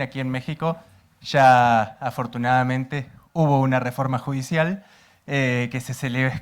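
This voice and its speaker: A man in the audience of a panel, earnestly and carefully posing an open question to the speakers. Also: medium pitch. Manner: earnest, measured, uses inclusive language. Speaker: audience member asking a question. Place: university auditorium.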